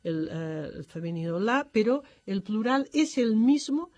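Woman teacher, methodical explainer who pauses with fillers, warm low-key timbre. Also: lively intonation, dry recording. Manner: methodical, often pausing on "eh" and "entonces". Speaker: French language teacher. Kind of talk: explanatory lecture.

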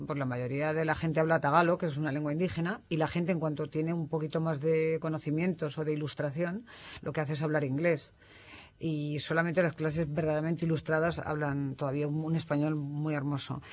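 A man's voice: a little high, normal speed. A man from Spain, explaining as an expert guest on a radio talk show, in a didactic manner that often tags statements with a questioning "no". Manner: didactic, tags statements with "¿no?", corrects himself mid-sentence.

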